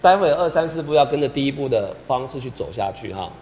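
A man's voice: medium pitch, lively intonation, quick pace, a little mellow. Man coaching a choir in a reverberant hall. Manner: counts singers in and sings lines to demonstrate; patient, encouraging, repeats instructions. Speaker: choir director. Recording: long hall reverb with piano behind. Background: piano accompaniment.

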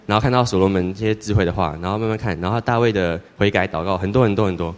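A teenage boy giving a church testimony in a rambling, halting way, with many restarts. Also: fairly low pitch. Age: teens. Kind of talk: personal testimony. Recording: long hall reverb.

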